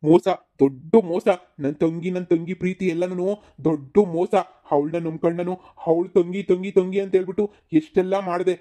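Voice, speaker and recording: A man voicing an enraged middle-aged village father in a cartoon comedy, shouting threats and later pleading for forgiveness. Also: a little high, little pitch movement, brisk, close to an everyday voice. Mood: furious.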